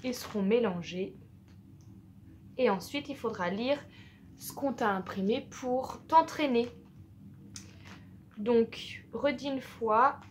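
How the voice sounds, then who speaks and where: A woman's voice: a little high, takes it slowly, long pauses, a little hiss or hum. A woman teaching young children a phonics lesson, spelling out letters and repeating sounds patiently. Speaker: primary school teacher.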